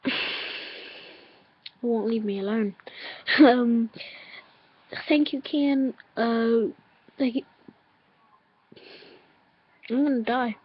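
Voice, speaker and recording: A woman vlogging casually with hiccups, halting and giggly, full of fillers. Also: a little high, breathy edge, lo-fi sound. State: has hiccups. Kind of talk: casual vlog chat.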